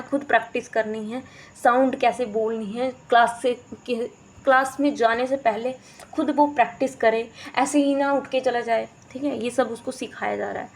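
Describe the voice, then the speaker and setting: A woman teacher talks through a lesson on teaching methods. Her voice sits a little high. She switches into English terms and sounds out words to show how they should be said. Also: a little hiss or hum, rough recording. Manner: explanatory, mixes English terms into Hindi, demonstrates pronunciations. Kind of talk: explaining a teaching course in Hindi.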